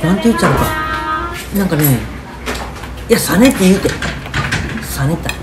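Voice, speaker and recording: Loud music plays behind a woman whose fairly low voice moves at a moderate pace. She's a travel vlogger on a casual walk, bantering playfully in dialect and teasing her companion.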